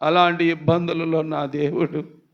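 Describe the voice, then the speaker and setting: Impassioned high-voiced male preacher, gravelly edge. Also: little pitch movement, unhurried, dull audio. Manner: impassioned preaching, rising to shouts and dropping low; questions the congregation directly. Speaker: pastor. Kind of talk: Sunday morning sermon.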